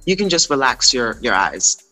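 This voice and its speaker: A man's voice: medium pitch, very animated, moderate pace, sharp tone, soft background music, low-quality recording. A man explaining things conversationally, like a wellness coach, in an encouraging, informal way with short emphatic phrases. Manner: encouraging, reassuring. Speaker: meditation and wellness guest.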